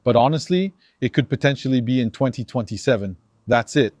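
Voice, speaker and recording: A man from Algeria, speaking fairly quickly at a medium pitch with no echo, delivers an emphatic opinion monologue to his viewers. The commentator stays animated and acts out dialogues.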